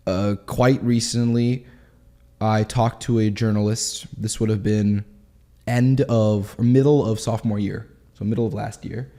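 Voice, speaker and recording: A man of twenty, telling his story in a candid interview in quick, animated bursts. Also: on the low side. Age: 20s. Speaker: guest.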